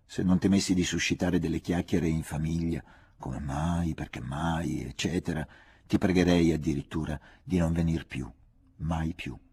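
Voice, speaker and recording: A man voicing a cool, guarded young woman who speaks softly and wryly, lifting his pitch for her. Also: normal speed, slightly rough, exaggerated voice. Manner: soft-spoken, low, wry.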